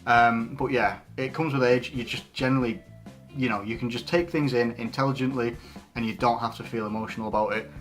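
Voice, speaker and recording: A man in his late twenties from England chats through viewer questions off the cuff. He rambles and restarts his sentences, leaning on fillers as he goes. His voice sits at a middling pitch, and faint music plays underneath. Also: fairly even intonation, brisk, fairly bright tone. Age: 20s. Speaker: YouTuber answering viewer questions. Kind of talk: unscripted casual Q&A.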